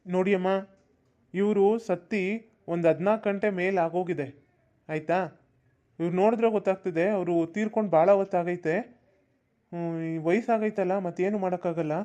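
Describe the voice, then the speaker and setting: A man's voice: sits high, brisk, pauses often, mellow, lightly acted. A man voicing a matter-of-fact village doctor, firm and reassuring. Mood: calm. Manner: reassuring, firm, repeats "okay?".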